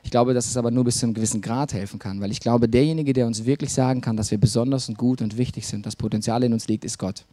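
A man's voice: mid-range voice, fairly even intonation, quick pace, few pauses, dark tone, dry recording. A man preaching a sermon in a personal, confessional way, often restarting his sentences and using fillers.

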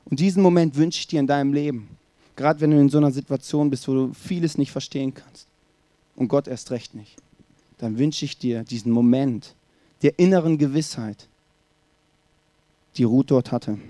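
A man's voice: mid-range voice, moderate pace, long pauses, mellow, dry recording. A man preaching a sermon, speaking emphatically and addressing the listener directly with rhetorical questions.

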